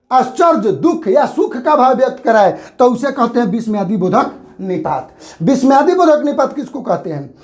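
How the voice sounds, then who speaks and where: His voice is very high as he teaches grammar for an exam. He asks questions, supplies the answers himself, and goes over the key terms repeatedly.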